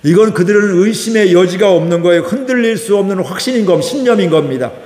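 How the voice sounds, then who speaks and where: A man's voice: high-pitched, lively intonation, fast, a little mellow. A male pastor preaching a Sunday sermon, often asking the congregation questions and acting out the lines of the people in his story. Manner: asks the congregation rhetorical questions and acts out quoted lines. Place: church sanctuary. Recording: echoey, reverberant church hall.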